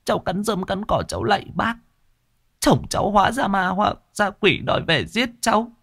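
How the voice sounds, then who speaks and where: A man voicing a desperate young widowed mother who pleads tearfully in a high, wailing voice, in a spoken ghost story. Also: very animated, moderate pace, creaky, a bit bright, no echo, studio quality, heavily acted. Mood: pleading.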